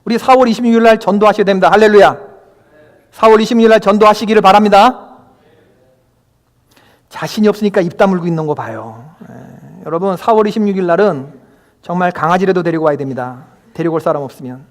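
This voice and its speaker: In a church sanctuary, a male pastor delivers a Sunday sermon in a high-pitched voice at a quick pace. He speaks emphatically and often puts questions to the congregation, and a long hall reverb trails his words.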